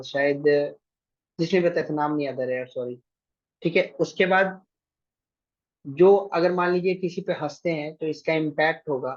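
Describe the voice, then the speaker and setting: In dull audio, a man with a voice on the high side runs an online exam-prep class. He's directive, telling students what to do and repeatedly asking "thik hai" to make sure they're with him.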